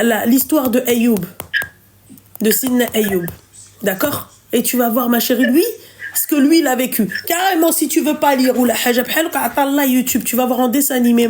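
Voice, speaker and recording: A woman's voice: high-pitched, a little mellow, slight background noise. A woman hosting a call-in advice talk, fervent, affectionate and emphatic.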